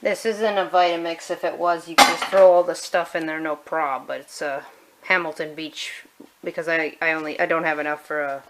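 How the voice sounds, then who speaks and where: A woman talks her way through a kitchen recipe in a relaxed, rambling manner, often restarting her sentences. Her voice sits a little low. Soft clicks and light kitchen noise can be heard behind her. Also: normal speed. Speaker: home cook vlogger. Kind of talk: casual cooking demonstration. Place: home kitchen.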